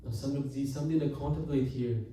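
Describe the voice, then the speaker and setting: A man delivers an earnest sermon, often calling out to the congregation and slowing down to stress key words. His voice is dark and mellow. It echoes heavily through a large hall, picked up from a distance with a faint hiss behind it. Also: medium pitch. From Canada. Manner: earnest, addresses the congregation often, slows for emphasis. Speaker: Sikh preacher giving katha.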